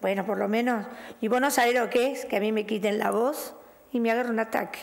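A woman's voice: a little high, steady tone, quick pace, creaky. A middle-aged woman with a Rioplatense accent hosting a show as a tarot reader, affectionate and chatty with the caller, her voice still recovering from a loss of voice. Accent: Rioplatense Spanish. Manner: affectionate, chatty, calls caller "mi cielo", "querida". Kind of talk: on-air fortune-telling reading.

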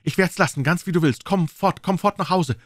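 A man's voice: on the high side, very animated, fast, dry recording, clean studio sound, voice pushed up. A man voicing a frightened young wife who pleads urgently with her husband in an audiobook reading. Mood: relieved. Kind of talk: audiobook character voice.

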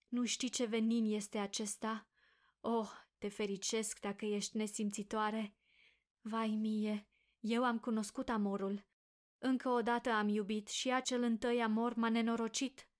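A woman voicing a heartbroken, desperate young woman who pleads slowly and dramatically, as if through sobs. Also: on the high side, natural voice. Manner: sobbing, pleading, slow dramatic delivery. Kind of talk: audiobook character reading.

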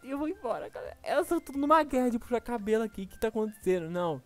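Rapid-fire Brazilian gamer man. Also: extremely high pitch, soft background music. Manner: excitable, exclaiming, laughs often. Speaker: gaming YouTuber. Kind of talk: excited gameplay commentary.

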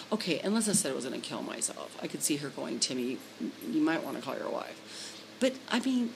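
A woman's voice: fairly high pitch, a little hiss or hum, low-quality recording. A middle-aged woman, a trucker's wife, ranting bluntly and profanely to her phone camera at home. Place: home room indoors. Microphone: phone camera held close.

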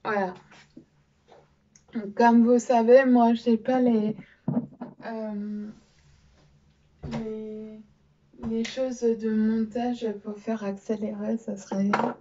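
A woman's voice: a little high, flat delivery, extremely slow, pauses often, mellow, dull audio. A young French-speaking woman presenting makeup in a casual vlog, hesitant with many fillers. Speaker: beauty vlogger. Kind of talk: casual show-and-tell vlog.

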